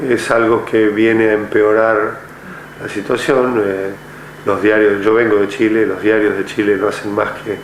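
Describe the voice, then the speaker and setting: Older retired general, low voice, echoey room. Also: male voice. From Argentina. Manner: measured, with frequent filler hesitations. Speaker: retired army general interviewee. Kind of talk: oral history interview. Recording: echoey room with faint noise.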